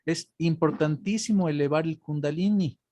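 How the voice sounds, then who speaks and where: A man's voice: a little high, normal speed, slight background noise. A man, a teacher who talks casually and grows emphatic as he explains, calling his listeners brother and sister. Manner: emphatic, rising to animated explanation. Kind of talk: casual conversation after class.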